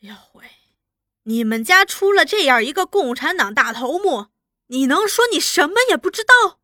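A woman voicing a scheming, cruel male officer who mocks and threatens, barking orders loudly. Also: a little high, expressive, a little slow, dry recording, clean studio sound. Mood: menacing. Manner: mocking, threatening, loud barked orders.

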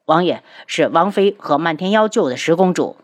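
A woman's voice: fairly low pitch, lively intonation, normal speed, close to an everyday voice. A woman voicing a blunt, loyal male soldier in an audiobook, speaking resentfully. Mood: defiant.

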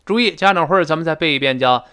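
A man's voice: fairly high pitch, racing, sharp tone, clean tone. A man teaching English pronunciation in a recorded audio lesson. He explains intonation and demonstrates the sounds as he goes.

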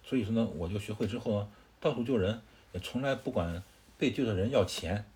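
A calm, elderly wandering Taoist healer in a spoken storybook tale, explaining himself patiently in a fairly low voice, as a man telling the story puts him on. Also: fairly quick, close to an everyday voice.

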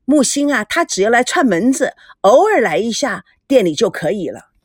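Lady doing a sugary flirt, coy and scheming, high sing-song voice. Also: sing-song, normal speed, breathy edge, no echo, clean studio sound. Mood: boastful. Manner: sweet, coy, teasing.

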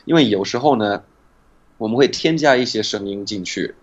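Husky-voiced man explaining pronunciation. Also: lowish voice, lo-fi sound. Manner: patient, demonstrates sounds slowly. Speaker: guest, pronunciation teacher.

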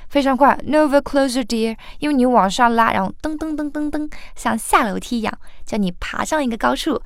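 A singing teacher with a high-pitched voice gives a song pronunciation lesson, recorded clean in a studio with no echo. She patiently breaks the lines apart, singing example lines slowly and then explaining the sounds.

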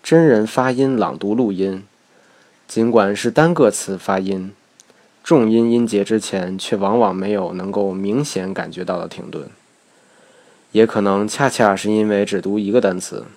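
A Chinese man speaks in a fairly low voice, narrating a lesson from a script. His delivery is measured and explanatory, and he slows right down to demonstrate words. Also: darkish tone. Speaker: English teacher.

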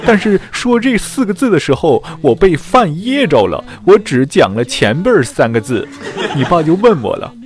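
A man's voice: fairly high pitch, sing-song, moderate pace, darkish tone, soft background music, pitched above the performer's own voice. A man playing a husband confessing a blunder to his wife in a joke. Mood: sheepish.

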